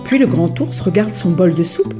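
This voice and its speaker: A woman storyteller reading a children's story aloud in an expressive, sing-song manner. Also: on the low side, moderate pace, music in the background.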